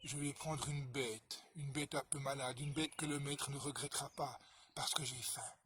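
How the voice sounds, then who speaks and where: A man's voice: mid-range voice, fairly even intonation, moderate pace, slight background noise, natural voice. A man doing a hungry sly wolf. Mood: scheming. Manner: hushed, scheming, howls softly. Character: hungry sly male wolf, lean and patient.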